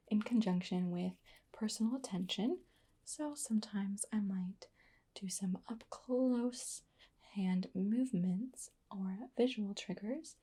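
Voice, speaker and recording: A woman whispering softly through an ASMR roleplay, pausing often with fillers as she explains each trigger. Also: mid-range voice, breathy edge. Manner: soft whispering with frequent fillers. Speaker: ASMR artist.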